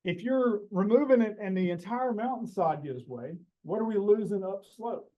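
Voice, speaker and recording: A practical, upbeat male botanist lays out the problem in an earnest, matter-of-fact way, as a man puts on his colleague's voice. His voice sits a little higher than usual, with lifted, eager phrases. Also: animated, normal speed, dull audio. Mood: explaining.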